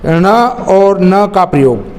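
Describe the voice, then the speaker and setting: A man teaching a spelling lesson, slowly and deliberately spelling out words one by one. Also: high voice, expressive, a little mellow. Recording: long reverb, faint noise.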